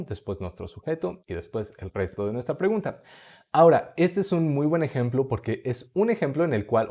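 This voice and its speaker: Man with a Mexican Spanish accent as a patient language teacher, mellow tone, slightly dull recording. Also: mid-range voice. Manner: patient, repeats phrases slowly for learners. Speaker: English teacher. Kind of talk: explaining lesson to viewer.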